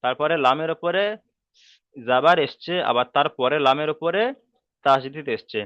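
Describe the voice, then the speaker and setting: A man's voice: on the high side, moderate pace, smooth, no echo, highs cut off. A man teaching a Quran reading class online, with a Bengali accent, patiently repeating rules and checking that students follow.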